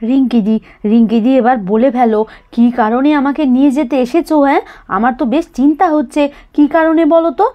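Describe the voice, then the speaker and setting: A woman's voice: sits high, steady tone, fairly quick, highs cut off, lightly acted. A woman voicing a polite, curious young homemaker in a doll cartoon.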